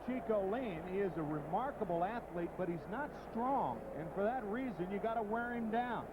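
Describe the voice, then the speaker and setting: A man's voice: high voice, expressive, moderate pace. A man giving color commentary and analysis on a baseball game. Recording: muffled broadcast, loud crowd and noise.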